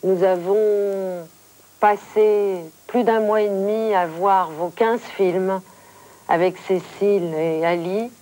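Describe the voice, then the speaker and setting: A woman hosting a formal TV interview, speaking in measured, eloquent phrases. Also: mid-range voice, fairly even intonation, warm tone.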